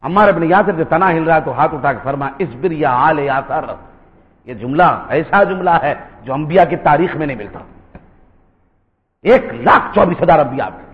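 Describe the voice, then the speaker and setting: A man preaching an impassioned sermon, swinging between loud outbursts and hushed, drawn-out lines. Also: a little high. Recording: reverberant hall, dull lo-fi sound.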